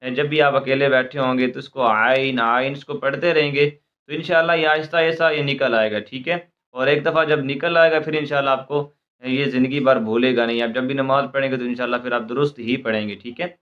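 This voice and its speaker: A man teaching Quran recitation, spelling out letters and syllables slowly, then explaining quickly and checking in with "theek hai" often. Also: mid-range voice, steady tone, dull audio.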